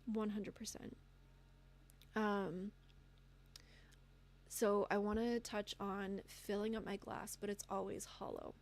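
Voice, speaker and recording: Woman streamer, average pitch, sincere heart-to-heart with her chat, filler-heavy. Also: flat delivery, slow pace, long pauses. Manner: earnest and open, with many ums. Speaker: livestreamer. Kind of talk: candid advice talk to live chat.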